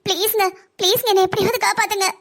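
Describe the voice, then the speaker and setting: Woman voicing a pleading young wife, very high-pitched. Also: fairly even intonation, rapid-fire, a bit bright. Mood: desperate. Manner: pleading, tearful. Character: young married daughter, frightened and pleading. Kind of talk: cartoon story voice acting.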